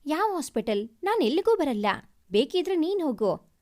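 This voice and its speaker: A doting, protective elder brother, tender and teasing with his little sister, as a woman reader puts him on. He speaks in a high, bright register and his pitch swings widely from line to line in this storybook reading. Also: sing-song, normal speed. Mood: angry. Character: loving, protective young adult elder brother.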